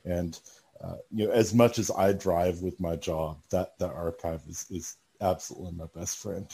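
Southern man, halting casual talker. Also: sits low, steady tone, mellow, husky. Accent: Southern US, Alabama. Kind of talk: casual chat.

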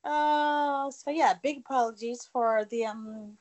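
Chatty woman co-host, slightly high voice. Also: slow, a little mellow. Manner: chatty, swears and laughs easily. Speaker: podcast co-host. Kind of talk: casual chat.

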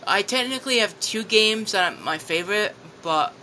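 A man's voice: high-pitched, lively intonation, normal speed, bright, forceful tone, a little hiss or hum, low-quality recording. A young man telling stories in a casual chat, laughing often and swearing freely as he retells them. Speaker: podcast guest.

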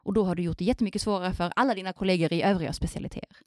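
A woman speaking as a surgeon guest on a podcast, lively and acting out quoted voices in casual chat. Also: lowish voice, no echo, studio quality.

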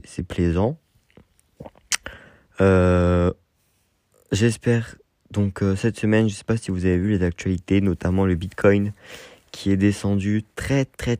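Young male podcast host, low mellow voice, hesitant and rambling, dry close recording. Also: dry recording. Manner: hesitant, many fillers and restarts. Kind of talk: casual solo podcast talk.

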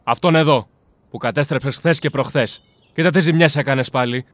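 A man's voice: mid-range voice, a bit bright, no echo, close to an everyday voice. A man playing a poor hard-working farmer. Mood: angry. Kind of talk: storybook character voice.

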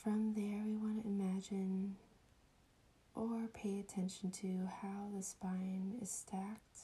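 Soft, whispery woman guiding a slow meditation. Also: medium pitch, flat delivery. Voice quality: soft, breathy, often whispery voice. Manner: soothing, hushed spa-like delivery with long pauses. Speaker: meditation guide. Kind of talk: guided meditation.

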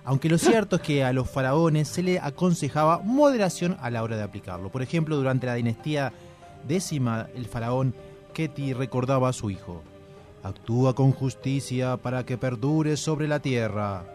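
A man giving scripted documentary narration in a measured, solemn manner. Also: medium pitch, lively intonation, darkish tone, faint music behind.

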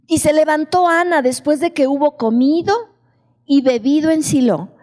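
A woman delivers a sermon in a high, mellow voice, speaking slowly and often asking her listeners questions. Her voice rings with the long echo of a large hall. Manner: slow, questioning the congregation. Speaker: preacher.

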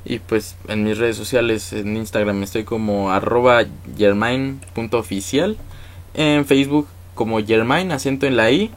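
A man's voice: mid-range voice, normal speed, a little hiss or hum. A man with a Mexican accent, a musician guest in a casual interview, talking in an easygoing, thankful way with lots of fillers. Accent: Mexican Spanish.

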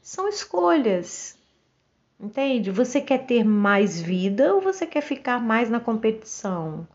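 A woman's voice: fairly high pitch, sing-song, unhurried, dull audio. A Brazilian woman in her forties, speaking outspokenly and directly in a casual monologue to camera. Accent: Brazilian Portuguese. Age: 40s. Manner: outspoken and direct, acts out quoted voices. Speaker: vlogger.

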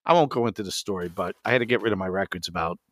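A man co-hosting a music show in casual chat, excitable and quick to react with exclamations. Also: low voice, dry recording, clean studio sound. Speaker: podcast co-host.

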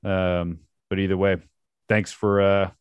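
A man's voice: sits low, flat delivery, measured pace, smooth, no echo. A man chatting as a podcast guest over a video call, easygoing, agreeing often and laughing easily.

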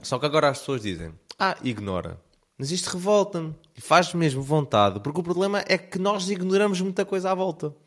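A young man with a European Portuguese accent, ranting in a casual, animated vlog monologue full of filler words. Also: high voice, a little fast, hardly any pauses. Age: young adult. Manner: animated, heavy use of fillers like "pá". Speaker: vlogger.

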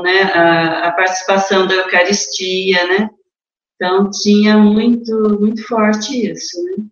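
A woman, a nun as an interview guest, speaking hesitantly with many fillers and pauses. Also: mid-range voice. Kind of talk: radio interview answer. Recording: echoey, slightly muffled room.

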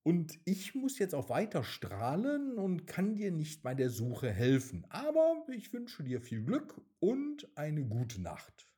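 A man voicing a kind, sad female moon in a bedtime story, speaking softly with sighs. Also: a little high, wildly swooping pitch, slow pace, few pauses, pitched above the performer's own voice, full character voice. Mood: wistful. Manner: soft, sighing.

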